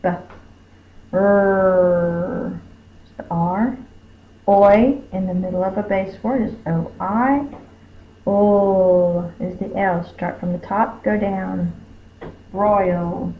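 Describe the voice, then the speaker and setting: A woman teacher, slowly sounding out letters and sounds in a phonics spelling lesson. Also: medium pitch, a little hiss or hum. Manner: slow, careful, sounding out each letter. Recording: tinny phone-like lo-fi recording.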